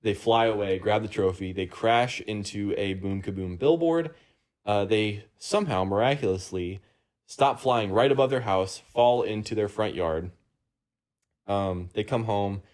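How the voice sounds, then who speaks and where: A man's voice: lowish voice, unhurried, a little mellow. A man hosting a casual podcast, rambling through a movie plot recap with lots of ums and uhs among friends. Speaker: podcast host.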